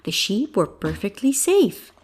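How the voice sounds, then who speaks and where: Slow, expressive woman storyteller. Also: medium pitch, husky. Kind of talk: children's bedtime story narration.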